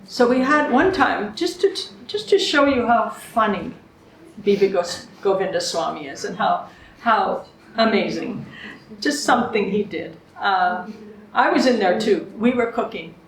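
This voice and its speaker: A woman's voice: medium pitch, lively intonation, unhurried. A woman in her seventies telling anecdotes to a small group, chatty, often laughing and acting out what people said. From Canada. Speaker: guest speaker. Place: room with a small live audience. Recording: echoey room.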